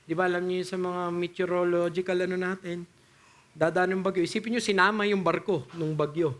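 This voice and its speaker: High-voiced Filipino man preaching a sermon. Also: little pitch movement, a bit bright. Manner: switches between Tagalog and English, reads scripture aloud slowly; conversational, addresses congregation with po, rhetorical questions.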